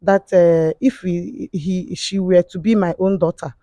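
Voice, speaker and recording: A woman telling a personal story as a confessing guest, halting often with fillers and restarts. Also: fairly low pitch, steady tone, warm tone, no room sound, studio quality. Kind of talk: emotional spoken testimony.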